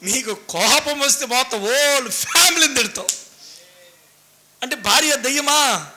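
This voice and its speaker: This pastor's animated, unhurried sermon comes in a bright, high and piercing voice carrying a lilt. Repetition drives home each point, and he slips into quiet asides before building back up.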